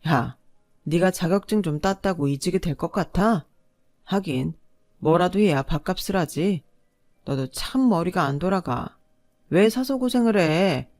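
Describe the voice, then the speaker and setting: A woman voicing a scornful, pushy young husband who nags and sneers, a little louder than her narration, in a storytelling drama. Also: on the low side, expressive, normal speed, no echo, studio quality, lightly acted. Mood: sneering.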